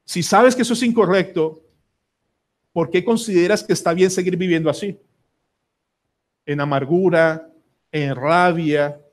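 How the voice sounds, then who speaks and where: A man's voice: high voice, measured pace, pauses often. A Colombian man preaching a sermon as pastor, emphatic and pleading, putting question after question to the congregation. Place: church sanctuary.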